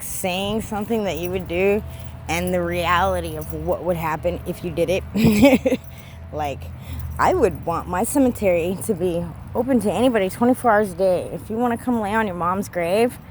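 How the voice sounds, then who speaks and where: A woman's voice: mid-range voice, animated, moderate pace, a little mellow, a little hiss or hum. A woman vlogging while walking through a cemetery, ranting heatedly and swearing a lot. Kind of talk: casual walking vlog. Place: outdoors in a cemetery.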